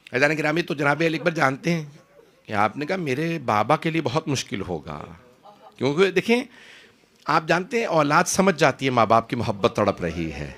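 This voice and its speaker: A man's voice: mid-range voice, fairly bright tone. A man preaching an impassioned mourning sermon, dramatic and emotional, swearing oaths and rising to cries.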